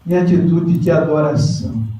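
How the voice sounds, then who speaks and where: A pastor delivers a lively sermon and calls on members of his congregation by name. His voice is fairly high for a man. He is heard from a distance in a strongly reverberant church hall. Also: normal speed.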